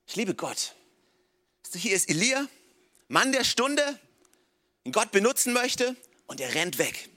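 A man preaching a sermon as pastor, telling stories in a casual, animated way and dropping in English phrases like "come on". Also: high voice, slow pace, long pauses.

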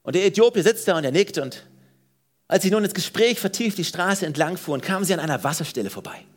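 A pastor preaching a sermon in church, lively and emphatic. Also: male voice, high-pitched, fast. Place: church service.

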